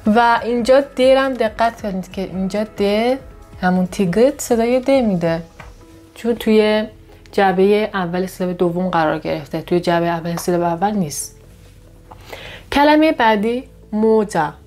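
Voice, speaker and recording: Woman tutor walking through pronunciation rules, patient, repeats example words carefully, faint music behind. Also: mid-range voice. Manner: patient, explains with examples, pronounces model words slowly and brightly. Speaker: Korean language teacher. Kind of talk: step-by-step lesson narration.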